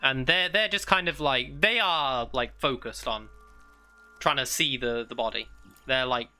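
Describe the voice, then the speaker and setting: Brief: sharp-voiced game master man, halting casual delivery, soft music underneath. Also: mid-range voice. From United Kingdom. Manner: halting, full of fillers and restarts. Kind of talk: running a tabletop game, casual chat. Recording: faint ambient music behind.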